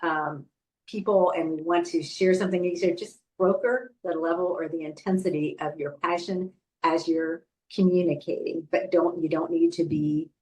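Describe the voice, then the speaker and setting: A woman's voice: lowish voice, steady tone, moderate pace, a little mellow, recorded from a distance, poor audio. A middle-aged woman guest in a conversational interview, telling earnest stories with many fillers. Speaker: guest, ministry leader.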